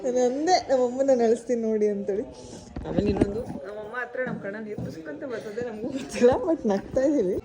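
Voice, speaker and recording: A woman with a high, bright-pitched voice vlogs through a family wedding celebration. She teases and coaxes her relatives with a playful, laughing manner. A loud, busy crowd chatters all around her. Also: fast talker. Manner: teasing, laughs often, coaxes relatives to cry. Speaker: vlogger interviewing family at a wedding. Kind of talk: casual handheld chat. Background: wedding guests chatting.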